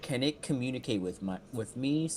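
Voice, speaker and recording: Playful man with a lively voice. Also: mid-range voice, normal speed, a little hiss or hum. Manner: jokey, playful. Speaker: player. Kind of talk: casual chat during a tabletop game.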